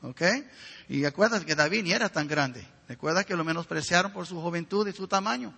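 A man's voice: fairly high pitch, brisk, vocal fry, pushed and bright, slightly rough, in a large hall. A man preaching a sermon with fervor, often turning to ask the listeners direct questions.

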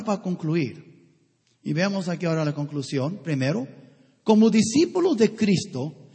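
Pastor, male: high animated voice, husky edge, preaching in a church with long hall reverb. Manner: emphatic preaching with rhetorical questions to the congregation. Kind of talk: sermon.

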